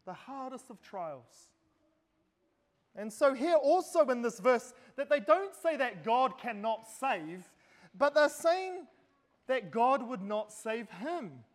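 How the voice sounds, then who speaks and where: High-voiced preacher in a reverberant hall. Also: male voice, big pitch swings, slow. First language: Norwegian. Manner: earnest, asks the congregation direct questions. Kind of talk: sermon. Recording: long reverb in a large hall.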